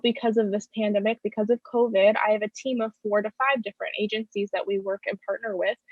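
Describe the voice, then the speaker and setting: A woman interpreting live for a deaf panelist on a video call, speaking his signed words aloud in first person with halting self-corrections. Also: medium pitch, dry recording, highs cut off. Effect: interpreter's voice-over of a deaf speaker's signing. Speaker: sign language interpreter voicing a deaf panelist.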